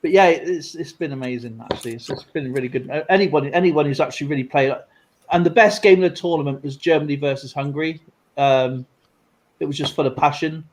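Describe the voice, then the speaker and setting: A man's voice: a little high, fairly quick, slight background noise, poor audio. Rambling man chatting casually. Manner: rambling, many fillers and restarts. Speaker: streamer and coin collector. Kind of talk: casual live-stream chat.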